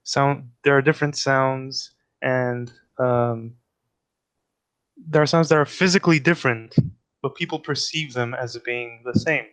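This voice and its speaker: A man's voice: medium pitch, steady tone, measured pace, fairly bright tone. A man giving a casual explanatory talk on linguistics, thinking aloud and correcting himself as he goes. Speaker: linguistics presenter.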